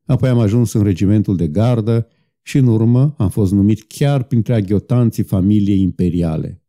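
A man's voice: fairly low pitch, mellow, natural voice. A man voicing a proud, bitter young guard officer who talks sadly and defensively in an audiobook. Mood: recounting.

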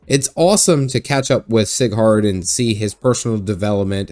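A man's voice: mid-range voice, a little mellow. Joking male game recap host. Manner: sarcastic, joking, laughs often. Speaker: gaming video host. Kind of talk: narrated gameplay recap.

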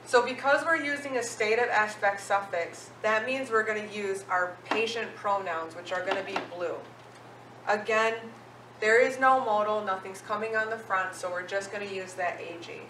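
A woman's voice: mid-range voice, normal speed, background noise. A woman teaching a language lesson, patient and checking in with her learners. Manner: patient, asks questions and checks in with "okay?". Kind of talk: classroom-style language lesson. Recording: roomy, echoey sound from a distant mic.

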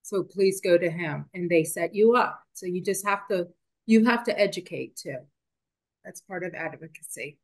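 A woman's voice: fairly low pitch, normal speed. A woman moderating a webinar, casually relaying audience questions from the chat with many fillers.

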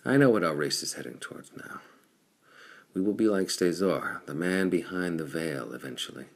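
A determined red-haired space pirate chief, read by a man in a very deep voice with a gravelly, husky edge. He speaks earnestly and resolutely, like a figure from a pulp audiobook. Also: expressive, moderate pace, exaggerated voice. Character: bold red-haired pirate chief, adult male, defiant.

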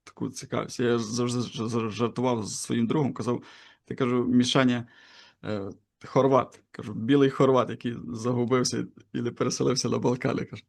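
Gravelly-voiced male interviewer, casual and curious. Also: medium pitch, level tone, fairly quick, a little mellow. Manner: casual, curious, shares personal anecdotes. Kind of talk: conversational interview.

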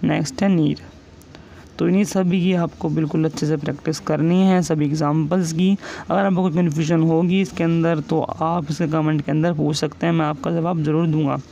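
Gravelly-voiced man teaching a lesson. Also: on the high side, flat delivery, mellow. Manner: patient, repeats each example word slowly. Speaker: shorthand teacher. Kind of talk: explaining a lesson step by step. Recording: dull lo-fi sound with faint hiss.

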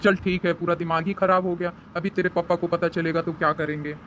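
A woman plays a protective mother in a cartoon. her voice sits low for a woman, and she sounds worried and indignant as she presses with questions. a faint noise hangs behind her. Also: steady tone, brisk, lightly acted. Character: caring middle-aged mother, protective.

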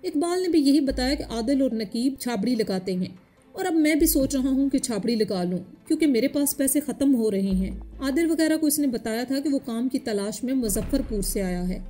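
A woman reading a story aloud as the narrator, in a steady, even voice. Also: high voice, normal speed.

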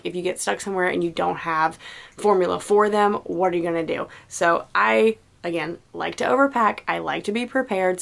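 A woman's voice: on the low side, vocal fry. A young woman giving casual, chatty practical tips as a mom vlogger, with many "like" fillers. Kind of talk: casual how-to vlog.

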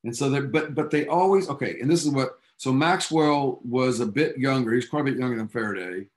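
A male physics teacher with a mid-range voice lectures his class at a brisk clip. He recounts science history eagerly and chattily, dropping casual asides along the way, and the audio sounds like a classroom.

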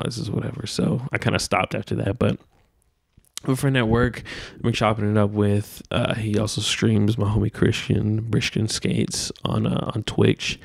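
A gravelly, fairly low male voice with a darkish tone, recorded dry with clean studio quality. He's a podcast host in his twenties doing a casual solo show from a small room at home, wearing headphones and talking into a handheld dynamic mic. He rambles loosely and laid-back, full of filler words and swearing.

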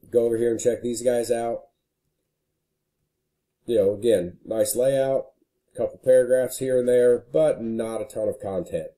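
Male consultant, deep mellow voice, easygoing screen-share walkthrough. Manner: casual and conversational, frequent "you know". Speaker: marketing consultant.

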